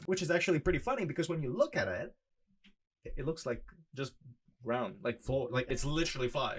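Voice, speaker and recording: A man from France with a French accent, talking English in a casual, rambling, sarcastic vlog style full of "like" fillers. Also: high-pitched. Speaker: vlogger. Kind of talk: casual chatty explainer.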